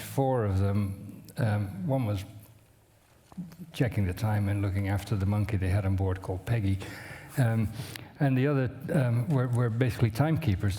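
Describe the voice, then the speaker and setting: A man's voice: lowish voice, dark tone. A man moderating at a conference, introducing a guest in an earnest way with hesitations. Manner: earnest, with fillers and restarts. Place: conference hall. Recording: hall reverb.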